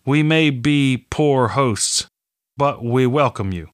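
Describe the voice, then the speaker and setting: A man's voice: medium pitch, takes it slowly, no room sound, clean studio sound, close to an everyday voice. A man voicing an elderly village man, wary of strangers at first and then welcoming, in an audiobook reading.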